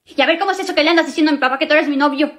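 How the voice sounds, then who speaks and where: A woman playing a blunt, sarcastic young woman who mocks and brushes off her admirer with quick retorts. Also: high voice. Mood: mocking. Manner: sharp, mocking, quick retorts.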